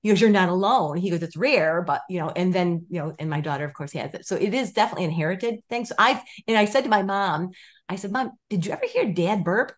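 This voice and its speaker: Her voice on the low side and her speech fast, this woman in her fifties is a video-call guest in an indoor room with a stone wall. She tells her story animatedly in a casual interview, with frequent restarts, acted-out quotes, and gestures.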